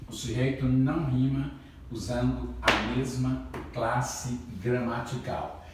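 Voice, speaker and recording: Male teacher, slow deliberate lecture, quizzes the class and answers himself, very echoey classroom, heard from a distance. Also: medium pitch. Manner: asks the class questions and answers them himself; calls students "my children". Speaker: literature teacher. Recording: very echoey room, voice from far off.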